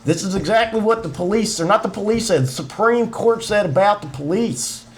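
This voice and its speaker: A man with a high, light voice hams up a thick Southern twang as he rants in an easygoing podcast chat. He is emphatic and folksy, leans on slang and stutters through restarts as he builds a point. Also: brisk, slight background noise. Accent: put-on Southern US twang. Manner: ranting, emphatic, repeats words, folksy slang. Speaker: podcast co-host. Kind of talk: casual opinionated chat.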